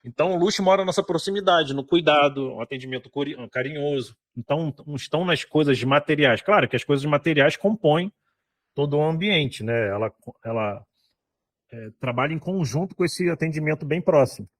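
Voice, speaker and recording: A man's voice: fairly high pitch, brisk. A man giving a conversational lecture at a hospitality conference, often adding tag questions.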